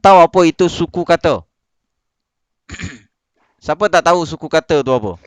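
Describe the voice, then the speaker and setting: A Malaysian man teaching young pupils over a video call, patient and questioning, reading slowly. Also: on the high side, animated, dry recording. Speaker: primary school teacher. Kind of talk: online class lesson.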